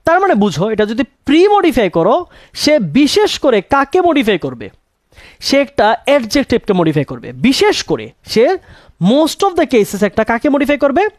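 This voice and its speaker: A man's voice: very high voice, huge pitch swings, normal speed, no echo, studio quality. A young man teaching English grammar, asking questions and answering them himself and repeating key words. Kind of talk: classroom-style grammar lesson.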